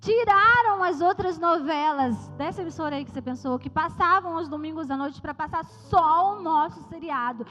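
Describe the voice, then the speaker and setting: A Brazilian woman missionary giving a joking, lively testimony to a youth church service. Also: very high-pitched, moderate pace, few pauses. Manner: lively, joking storyteller addressing the crowd. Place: church hall. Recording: reverberant church hall, slightly dull sound, music behind.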